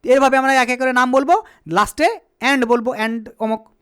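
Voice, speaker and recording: A male teacher explaining grammar in a patient, repetitive way, asking questions and answering them himself, sometimes spelling words out slowly letter by letter. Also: very high-pitched, bright, forceful tone, clear, resonant tone. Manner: asks and answers his own questions. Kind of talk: spoken English grammar lesson.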